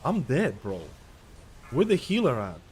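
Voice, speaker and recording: With pitch swooping wildly around a medium register, a young game streamer rambles, jokes, and swears through his play, saying "bro" constantly. He talks unhurriedly in a slightly mellow voice, with a little hiss or hum in the recording.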